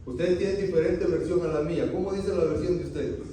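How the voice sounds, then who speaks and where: A man preaching a sermon in a high, mellow voice, unhurried and rhetorical, throwing questions at his listeners before dropping into hushed, serious lines. He sounds far from the microphone, his words ringing through a very echoey hall with faint background noise. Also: steady tone. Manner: swings from loud rhetorical questions to quiet, solemn drops. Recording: very echoey, distant from the mic, faint room noise.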